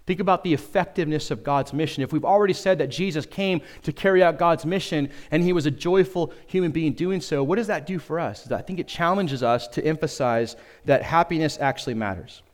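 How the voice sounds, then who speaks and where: A man's voice: a little high, fairly quick. Middle-aged male pastor, slightly raised voice, chatty humorous sermon style with questions to the room. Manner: conversational and humorous, asks the congregation questions.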